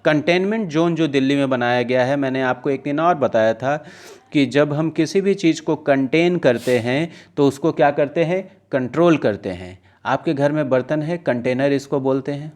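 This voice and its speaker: A man teaches English vocabulary to exam students, reading news lines slowly and then explaining them conversationally with checking questions. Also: mid-range voice, a little mellow. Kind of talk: casual classroom-style lesson, mixing Hindi and English.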